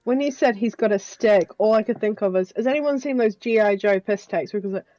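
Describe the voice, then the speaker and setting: A woman's voice: medium pitch, brisk, mellow, no echo, faint music behind. A woman playing in a tabletop game, chatty and joking. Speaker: player. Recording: dull lo-fi mic.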